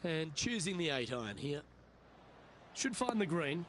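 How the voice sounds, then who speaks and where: A man working as lead golf commentator in a video game, giving measured play-by-play calls. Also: fairly high pitch, big pitch swings, very noisy.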